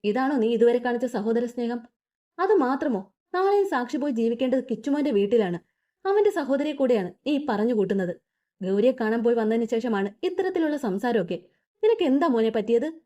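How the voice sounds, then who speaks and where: A tearful middle-aged mother, defensive and pleading, her scolding voice rising and falling in a lively way, as a woman narrator puts her on. The mellow voice comes through a dull, lo-fi recording. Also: fairly high pitch, fairly quick, lightly acted. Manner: scolding then weeping.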